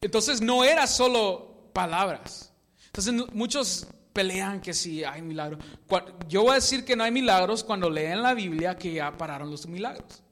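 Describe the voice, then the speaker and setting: High-voiced man preaching in a reverberant hall. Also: expressive, moderate pace, fairly bright tone. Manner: conversational storytelling preaching, searching aloud for words. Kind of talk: sermon.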